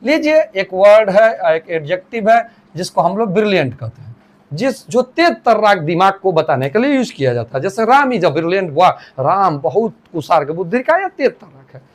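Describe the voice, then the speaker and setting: A male teacher explaining grammar with a lively, rising and falling voice. He circles back, repeats phrases and restarts sentences. He slows right down to dictate sentences and sound out each part of a word. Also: high voice. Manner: repeats and restarts, slowly spells out words and dictates English sentences. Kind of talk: classroom grammar lesson.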